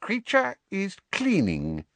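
A man's voice: sits high, huge pitch swings, slow pace, creaky, fairly bright tone, no room sound, pitched above the performer's own voice, exaggerated voice. A man voicing a bitter old male house-elf servant who mutters spitefully and fawns over his master. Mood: fawning. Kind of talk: audiobook character voice.

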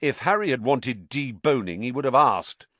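A cheeky teenage boy wizard, played by a man reading aloud talks bluntly and teasingly. The reading is dry and close, with lively pitch. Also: normal speed, no room sound.

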